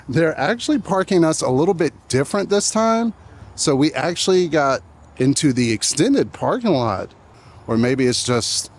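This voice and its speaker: A man's voice: fairly high pitch, a little hiss or hum. A man hosting a casual event vlog, narrating and chatting outdoors as he goes. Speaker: vlog host. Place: outdoors at a haunted attraction at night.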